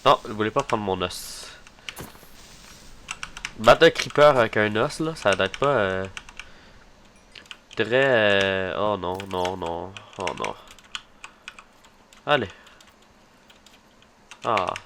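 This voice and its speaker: Low-voiced man rambling over gameplay. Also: animated, takes it slowly, pauses often, a bit bright, slight background noise. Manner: rambling, hesitant, many fillers and restarts; talks to his character and the mobs. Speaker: gaming video creator. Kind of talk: casual let's-play commentary.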